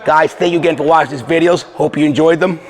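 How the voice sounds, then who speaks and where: Male fitness coach, breathless after exercises, upbeat and chatty, voice on the high side. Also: fast. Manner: energetic, conversational, with filler restarts. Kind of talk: casual exercise tutorial.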